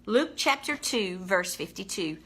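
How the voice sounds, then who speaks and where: A woman's voice: medium pitch, animated, measured pace, a bit bright, breathy edge. A woman telling a personal faith testimony in a casual, emphatic way, repeating key numbers for effect. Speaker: vlogger sharing a faith testimony.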